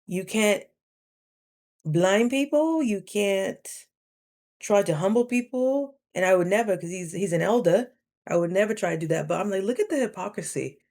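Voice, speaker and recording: A woman in her thirties telling a story to camera in a casual, animated way, often acting out both sides of a conversation. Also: mid-range voice, normal speed. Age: 30s. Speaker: vlogger.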